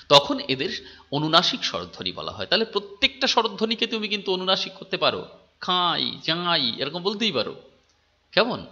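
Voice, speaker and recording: Bright-voiced male teacher explaining patiently. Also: fairly high pitch, dull audio. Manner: repeats key terms and asks "কেমন?" to check understanding; demonstrates sounds by drawing out vowels. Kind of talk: phonetics lecture.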